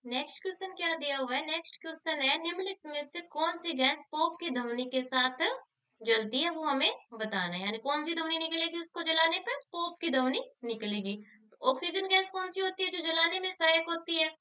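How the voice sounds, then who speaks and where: A woman's voice: extremely high pitch, animated, fairly quick, bright, forceful tone. A woman teacher, explaining exam questions and answering her own questions. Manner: asks questions then answers them herself; repeats key answers for emphasis.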